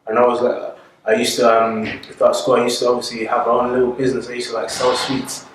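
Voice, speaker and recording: A man's voice: medium pitch, monotone, quick pace. A man in his twenties, born in Italy and raised in England, telling his story in a casual street interview with many fillers and restarts. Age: 20s. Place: outdoors on a street. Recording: echoey, from far off, faint background noise.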